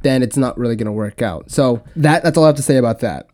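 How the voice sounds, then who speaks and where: A young man hosting a casual podcast on his own, talking in a relaxed, rambling way with frequent restarts. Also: mid-range voice, quick pace. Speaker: podcast host. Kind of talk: casual solo podcast talk.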